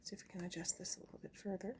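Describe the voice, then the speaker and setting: Whispering rapid-fire in a fairly low, darkish, level voice, a young homesteading vlogger shows off an item to her camera at home. It's casual indoor show-and-tell, chatty and giggly, with small laughs and many fillers.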